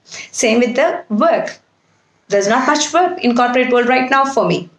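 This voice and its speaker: A woman's voice: a little high, animated, a little slow. A woman from India giving a self-help webinar, earnest and walking through her points with rhetorical questions. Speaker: NLP practitioner and webinar host. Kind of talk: self-help talk to camera. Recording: echoey room.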